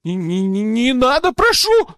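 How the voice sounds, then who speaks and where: Brief: a cowardly captured poacher, stammering and begging in a squeaky pitch; a male reader does him. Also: huge pitch swings, measured pace, a bit bright, clean tone, no room sound, studio quality, heavily acted. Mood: pleading. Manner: shrill pleading, stammering.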